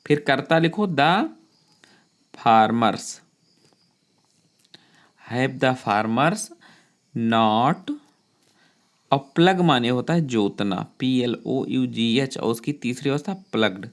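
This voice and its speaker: A grammar teacher explaining sentence translation step by step in a patient, explanatory manner. Spells out English words letter by letter and dictates whole sentences slowly to the students. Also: mid-range voice. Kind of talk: classroom-style grammar lesson, explaining step by step.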